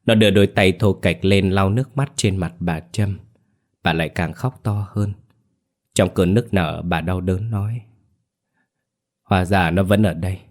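A man narrating a ghost story from a script, softly voicing each character. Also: low voice, moderate pace.

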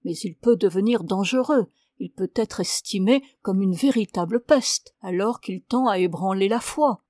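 A woman's voice: medium pitch, normal speed, no echo, clean studio sound, close to an everyday voice. A woman reading a storybook, voicing an elderly priest who reproves and counsels a penitent. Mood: sermonizing. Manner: solemn, sermonizing, gently reproving. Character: elderly male abbé, stern yet fussy confessor.

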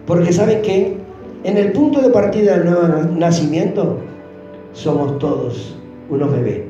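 A man's voice: sits high, moderate pace, warm tone, dull audio. A man preaching a fervent, pleading sermon, praying aloud as he speaks. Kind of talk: emotional sermon prayer. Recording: roomy echo with faint music.

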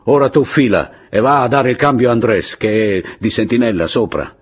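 A man voicing a fierce, bossy middle-aged peasant woman in an audiobook, with a husky voice and a blunt, commanding manner. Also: medium pitch, animated, moderate pace, pitched above the performer's own voice. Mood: scolding.

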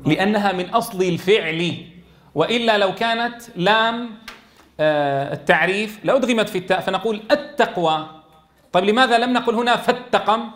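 A fairly high-voiced man leads a tajweed class. He quizzes his students by name and draws the verses out slowly when he recites them. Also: fairly bright tone. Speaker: Quran recitation teacher.

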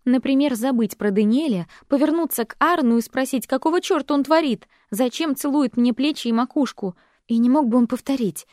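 A woman reading a first-person audiobook in steady, even scripted narration. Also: sits high, fairly quick, dry recording, studio quality.

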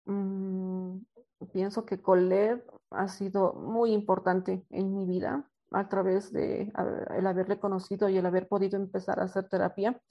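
A woman therapist in an interview, telling a personal story with many hesitations and animated retellings of conversations. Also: mid-range voice, measured pace, muffled recording. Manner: animated, acts out quoted dialogue, frequent hesitations.

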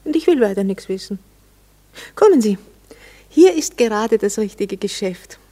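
An actress plays a proper married lady in a German radio play, sounding guarded, arch and coolly mocking, and quick to scold. Her mid-range voice has a dark tone and a sing-song lilt, carrying a sarcastic, jealous mood.

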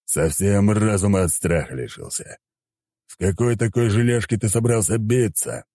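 A man voicing an arrogant male blood deity who talks in a slow, sneering drawl. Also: fairly low pitch, warm tone, no echo, clean studio sound, pitched above the performer's own voice. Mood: scornful.

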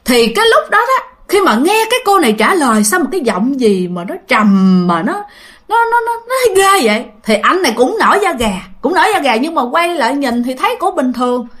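A woman's voice: high-pitched, big pitch swings, fairly quick, a bit bright. A woman with a Southern Vietnamese accent casually telling a ghost story, chatting to listeners with fillers and repeats.

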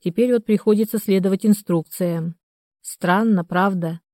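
Woman voicing a hoarse, cold young widow. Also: mid-range voice, normal speed, a little mellow, no room sound, studio quality, close to an everyday voice. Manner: cold, slightly slurred.

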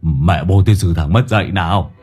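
A man voicing a bald, panicky old neighbor who wails in a shrill voice, in a comic audio story. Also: moderate pace, darkish tone, soft background music, close to an everyday voice. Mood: cursing. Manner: wailing, shrill and frantic.

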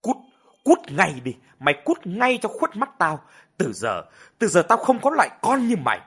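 A man's voice: high-pitched, huge pitch swings, moderate pace, husky, pitched above the performer's own voice, heavily acted. A man voicing a furious, cursing older village father who drives his daughter out. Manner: shouting, cursing.

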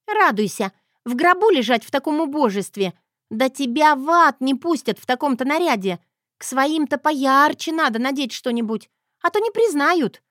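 A woman voicing a brash, mocking young granddaughter in an audiobook, with a shrill taunting delivery. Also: lively intonation, moderate pace, a bit bright, no room sound, studio quality.

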